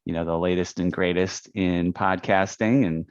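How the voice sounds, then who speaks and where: Easygoing male podcast host, very deep voice, slightly dull dry audio. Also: steady tone, moderate pace, clean tone, no echo. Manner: easygoing, laughs often. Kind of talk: casual podcast chat.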